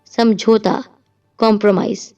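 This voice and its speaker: A woman's voice: on the high side, darkish tone, highs cut off, soft background music, close to an everyday voice. A woman voicing a scornful, domineering husband. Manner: scornful, raised voice. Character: angry domineering young husband, harsh.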